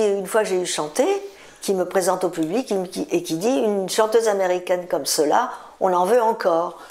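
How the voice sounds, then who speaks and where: A woman's voice: lowish voice, creaky, a little mellow. A woman in her seventies, a singer, telling stories in a chatty interview, repeating words for emphasis. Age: 70s. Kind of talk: relaxed interview storytelling.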